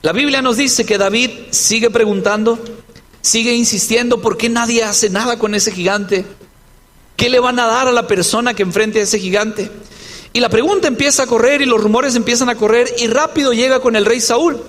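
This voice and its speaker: A man's voice: very high-pitched, moderate pace, a bit bright, long reverb tail. A male pastor preaching a sermon, telling a story dramatically and acting out the voices he quotes. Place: church.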